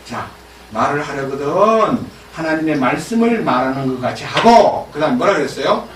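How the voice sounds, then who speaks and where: Animated pastor preaching in an echoey church. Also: male voice, on the high side, normal speed, a little hiss or hum. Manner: animated, acts out biblical dialogue, asks the congregation questions. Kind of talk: sermon. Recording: echoey church room from far off.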